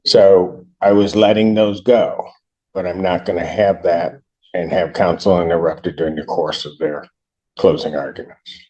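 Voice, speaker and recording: A man's voice: low voice, flat delivery, measured pace, warm tone, muffled recording. A man presiding as judge, sternly admonishing a defendant during court proceedings, heard on a courtroom recording.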